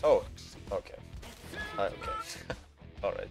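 A man streaming a game on a headset mic, reacting with excitable swearing and laughter. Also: fairly low pitch, slow pace, creaky. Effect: livestream headset mic audio. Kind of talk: live gameplay commentary. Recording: streamed voice with game music behind. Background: game music.

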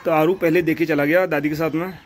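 A man's voice: on the high side, steady tone, fast talker. A young man, a family vlogger chatting casually at home and often calling his viewers brother. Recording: noisy home phone recording.

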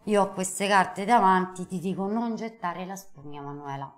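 Speaking at normal speed in a mid-range voice, a middle-aged female host reads tarot cards on a live call-in show. She's in a TV studio on a lapel mic, and her style is emphatic and affectionate, full of endearments.

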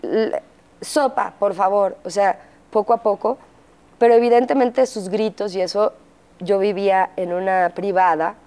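A middle-aged woman with a Mexican accent telling her story as an interview guest, pausing often with fillers and acting out quotes. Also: mid-range voice, fairly even intonation, dark tone, clear, resonant tone. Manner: halting, frequent fillers, acts out quotes. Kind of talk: candid interview testimony.

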